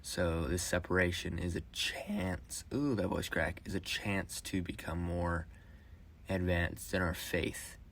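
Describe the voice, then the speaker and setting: A young man with a deep, low voice talks on in a halting way, stopping and starting over. He records himself on a phone voice memo, alone indoors. A faint hum sits behind him. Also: fairly even intonation, a bit bright. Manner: halting, with restarts and fillers. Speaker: vlogger. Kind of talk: rambling personal monologue.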